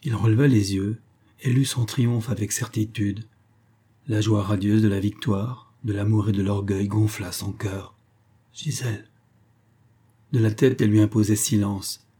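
Dark, husky-voiced male narrator. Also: lowish voice, level tone, moderate pace. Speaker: audiobook narrator. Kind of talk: scripted narration of a classic story.

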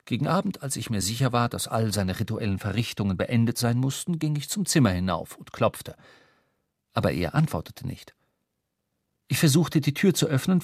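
An actor playing a young sailor who narrates his own story in measured, scripted radio drama narration. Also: medium pitch, darkish tone, breathy edge, no echo, studio quality.

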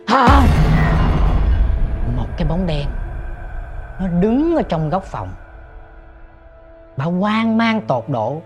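A man's voice: fairly high pitch, dull audio. Dramatic male ghost story narrator. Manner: swings from hushed murmurs to sudden shouts; addresses listeners directly.

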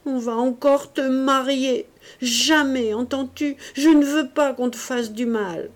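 A woman reading an audiobook voices a frantic, desperate young man, shouting and pleading. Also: sits high, steady tone, slow pace, pitched above the performer's own voice. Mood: raging.

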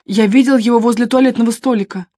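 A woman voicing a calm male friend in an audiobook, asking steady, probing questions. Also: a little high, quick pace, lightly acted. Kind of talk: audiobook character reading.

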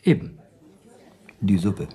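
In a German radio play, an actor voices a wry, shrewd dinner companion, arguing deliberately and persuasively. His voice is husky and mellow, and the performance is lightly acted.

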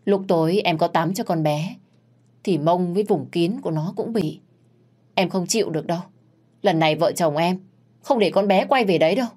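A woman's voice: lowish voice, normal speed, a little mellow, lightly acted. A woman voicing a protective aunt who speaks with urgent indignation. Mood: indignant. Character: caring aunt, a woman protective of her niece.

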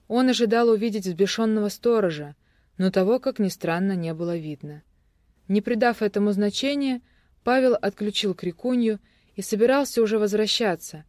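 A narrator giving a steady, even audiobook reading of a thriller. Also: mid-range voice, no echo, studio quality.

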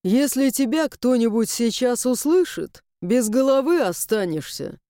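Brief: woman doing stern young man, storybook, lower and measured, mellow smooth tone. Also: expressive, no echo, clean studio sound. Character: stern young man Inamir, proud and protective. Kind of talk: audiobook character voice.

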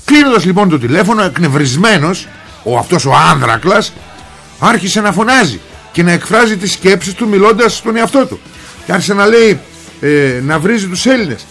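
Radio host guy, kinda high voice, rambles and jokes at the listeners, faint music under him. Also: lively intonation, fairly bright tone. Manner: colloquial, rambling, joking asides to listeners. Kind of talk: casual radio talk with story retelling.

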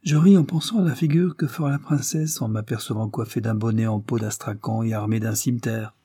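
A man's voice: medium pitch, fairly quick, warm tone, slightly rough, no room sound, studio quality, natural voice. A man voicing an impulsive, exuberant young man eager to travel. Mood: jovial. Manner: exuberant, insistent.

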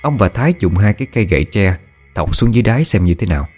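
A man calmly narrating a scripted ghost story. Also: fairly low pitch, very fast, soft background music.

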